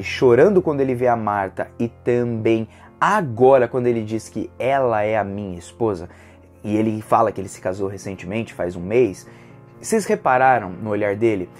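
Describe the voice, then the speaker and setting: Excitable Brazilian man reviewing manga. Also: mid-range voice. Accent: Brazilian Portuguese. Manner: animated, emotional retelling with slangy fillers. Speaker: manga reviewer, channel host. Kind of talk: casual video review.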